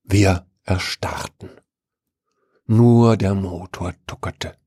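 A man reading a story aloud in a wry, even way. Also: low voice, slow, slightly rough, no room sound, clean studio sound. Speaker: narrator.

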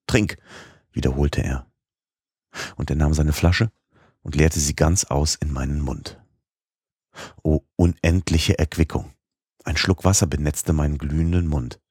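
A man with an extremely deep, husky voice narrates an audiobook in a measured, expressive manner. The recording is dry and close, without any room sound.

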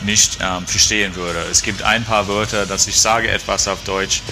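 A native English-speaking man from Australia chats casually in imperfect, Australian-accented German, hesitating and searching for words. His voice is fairly low and level at normal speed, over background music in a low-quality recording.

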